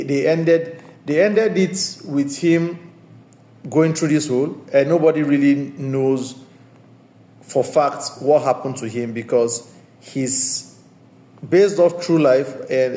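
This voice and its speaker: A man's voice: mid-range voice, dark tone. A man giving a casual, discursive spoken movie review as the host of his own channel, often circling back to restate his points. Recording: roomy echoey room sound.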